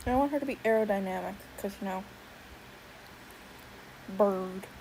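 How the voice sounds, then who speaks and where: A woman's voice: medium pitch, a little slow, darkish tone, slight background noise, rough recording. A young adult woman streamer chatting casually while she draws, thinking aloud and swearing now and then. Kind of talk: casual livestream chat while drawing.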